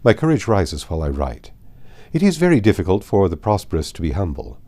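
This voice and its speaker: A man with a low voice reads a classic novel aloud as an audiobook narrator, measured and formal yet expressive, stressing certain phrases.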